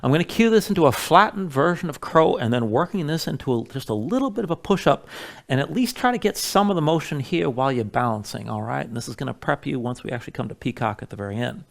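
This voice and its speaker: Man, yoga instructor, creaky voice, casual step-by-step cueing, informal teaching. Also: mid-range voice, animated, quick pace.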